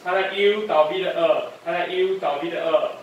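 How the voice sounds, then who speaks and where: During a one-on-one phonics drill, a high-voiced man teaches English sounds at a moderate pace, repeating each one twice and chiding lapses in focus. The sound is lo-fi, recorded far from the mic in a very echoey room with faint noise.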